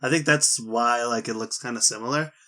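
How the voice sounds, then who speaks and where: A man's voice: mid-range voice, a little fast, pushed and bright. A young man co-hosting a podcast, talking hesitantly with many fillers. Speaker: podcast co-host. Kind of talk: casual chat.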